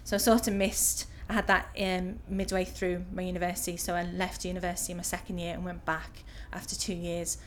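A woman in her thirties with a Liverpool accent gives casual interview answers, pausing often with ums. Her voice sits a little low. Faint noise hums behind her. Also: flat delivery. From Liverpool, England. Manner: hesitant, many filler ums.

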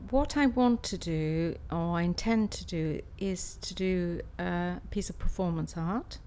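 A woman in her sixties from Swansea, South Wales, an art student and practising artist, answers interview questions conversationally and somewhat hesitantly. Her voice is lowish, dark and smooth, at a measured pace.

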